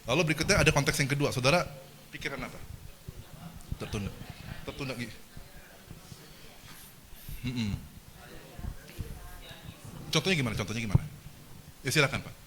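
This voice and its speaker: A man giving a lively seminar lecture, asking the audience questions and joking with them. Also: medium pitch, normal speed, pauses often, slight background noise. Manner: animated, engages the audience with questions and jokes. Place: lecture hall.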